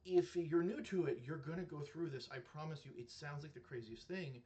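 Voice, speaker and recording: A man's voice: a little high, steady tone, fairly quick, warm tone. A man in his thirties or forties giving an earnest, casual reaction commentary to camera, with many fillers and restarts. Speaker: reaction video creator.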